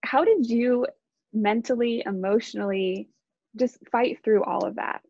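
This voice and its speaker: A woman interviewer asking brisk, steady questions. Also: fairly high pitch, dry recording, lo-fi sound.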